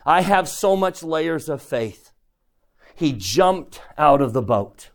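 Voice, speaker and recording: A man leads a scripture lesson at an unhurried, deliberate pace. His voice sits a little high for a man, and he keeps turning to his listeners with questions. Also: sing-song. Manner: asks the audience questions, slow and emphatic. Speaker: church teacher.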